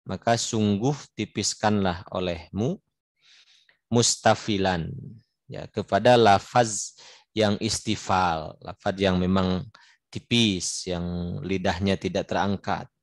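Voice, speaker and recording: A man's voice: sits low, dry recording. A man teaching a recitation class, reading classical verse and translating it line by line, drawing out example sounds to model pronunciation and often stopping to correct himself. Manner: reads Arabic verse, then translates and explains it line by line. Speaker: Islamic religious teacher. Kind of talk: recitation class explaining a classical Arabic poem.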